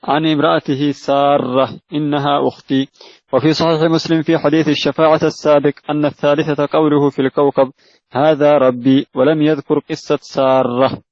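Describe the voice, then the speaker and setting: A man reading a religious commentary aloud to his teacher in a measured recitation, with occasional slips and self-corrections. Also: fairly high pitch, level tone, a little mellow, dry recording. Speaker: student reading a text aloud to a sheikh. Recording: dry, dull lo-fi lecture recording.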